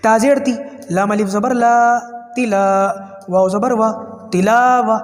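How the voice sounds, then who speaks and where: A man teaching Quran reading, drawing out each syllable in slow spelling drills between quick explanations. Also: high-pitched, fairly even intonation, reverberant, in a large hall, soft background music. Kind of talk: spelling lesson for learners.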